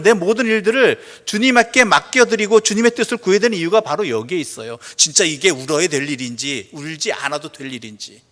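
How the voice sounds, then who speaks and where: A male pastor with a high voice preaches a sermon in a church sanctuary, asking the congregation questions and answering them himself. He reads scripture slowly and softly. Long church reverb fills the recording.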